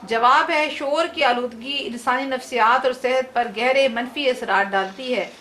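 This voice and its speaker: A woman's voice: high-pitched, unhurried, sharp tone, slight background noise. A woman teacher explaining a lesson to her students in an online class, speaking to them directly.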